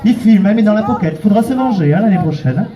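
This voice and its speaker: A man hosts an outdoor comic show, his voice sitting high and leaping about as he teases volunteers and counts them through steps. A loud crowd surrounds him in the open air. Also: animated, fast. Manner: teasing, playful, calls volunteers "mon cœur". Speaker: street performer leading audience volunteers. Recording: open-air recording with a noisy crowd around.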